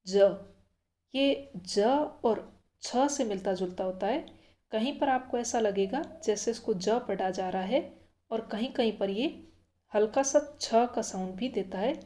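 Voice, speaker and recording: A woman's voice: medium pitch, dark tone. A woman teaching a language lesson, repeating each letter sound patiently and explaining step by step. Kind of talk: slow, careful language lesson.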